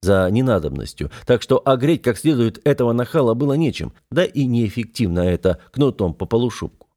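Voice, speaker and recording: A male audiobook narrator telling a first-person adventure story at a steady pace. His voice is warm and mellow, with a mid-range pitch. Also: a little fast.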